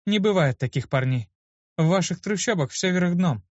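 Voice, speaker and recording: A man's voice: sits high, animated, normal speed, darkish tone, no echo, voice pushed up. Man voicing a hot-tempered young woman healer. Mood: flustered. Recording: dull lo-fi dry recording.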